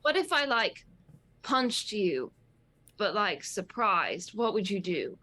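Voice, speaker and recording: A woman's voice: medium pitch, very animated, slow pace, sharp tone, dry recording, full character voice. A woman voicing a blunt, naive, pushy female barbarian who goads others in a tabletop game. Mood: goading. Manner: blunt, goading.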